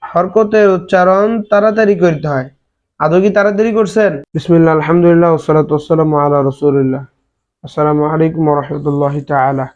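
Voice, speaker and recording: A man teaches in a slightly high voice, chanting letter after letter in a steady drill and asking the viewer questions as he goes. The audio is dull and lo-fi. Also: fast. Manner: asks the viewer rhetorical questions. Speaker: Quran reading teacher. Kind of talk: recorded lesson for viewers.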